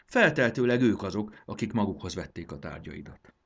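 A man's voice: on the low side, lively intonation, vocal fry, slightly rough, muffled recording, exaggerated voice. A man reading a storybook aloud and voicing a cool, calculating male chief servant who speaks politely and measuredly.

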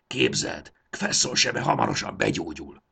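A man voicing a gruff creature friend who brings news in an audiobook. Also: lowish voice, animated, pushed and bright, voice pushed up, heavily acted. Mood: glad. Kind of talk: audiobook character voice.

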